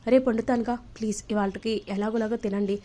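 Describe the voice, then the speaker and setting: A woman's voice: on the high side, steady tone, a little fast, mellow, close to an everyday voice. A woman voicing a meek young wife who politely explains herself, in a telling of a TV serial. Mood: pleading. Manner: pleading, polite.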